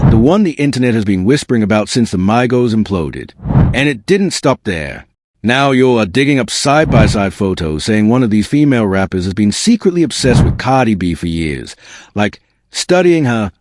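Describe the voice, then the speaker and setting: Smug, sarcastic man, wildly animated exposé. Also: lowish voice, dry recording. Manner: colloquial hip-hop slang. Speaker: gossip show host. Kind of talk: scripted narration, celebrity exposé commentary.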